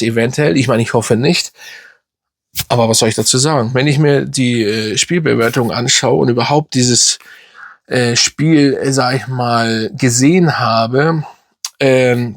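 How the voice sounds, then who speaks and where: A man's voice: medium pitch, a bit bright, dry recording, clean studio sound. A young man who hosts a football fan channel, giving a frustrated, rambling match reaction full of fillers and restarts.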